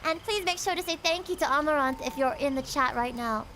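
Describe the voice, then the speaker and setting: A woman's voice: high voice, a little fast, very noisy. A young woman from the United States chatting casually on a livestream, greeting viewers in a bubbly, giggly way. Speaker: VTuber streamer and singer.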